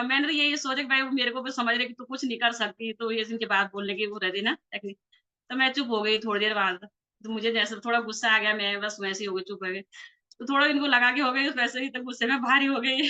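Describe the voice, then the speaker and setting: A woman's voice: on the high side, sharp tone. A woman, a network marketing leader, telling her personal story casually and acting out past conversations with animation. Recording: slightly dull lo-fi recording.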